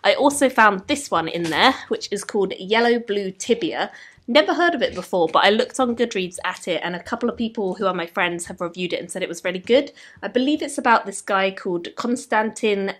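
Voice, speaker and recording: A woman's voice: medium pitch, animated, fairly quick, fairly bright tone. A young woman in her twenties, vlogging casually and enthusiastically about books and bookshops, chatting in a rambling way. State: tipsy. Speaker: book vlogger. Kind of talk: casual vlog chat. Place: indoors at night.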